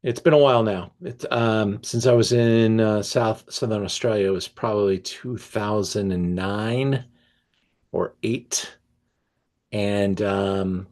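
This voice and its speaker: A man with a lowish voice hosts a wine tasting. He takes his time, reading the notes slowly. Between the readings he breaks off into eager, halting asides full of ums and restarts. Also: a little mellow. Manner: reads tasting notes aloud, then riffs enthusiastically with fillers. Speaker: wine merchant presenting a tasting. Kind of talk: live online wine tasting talk.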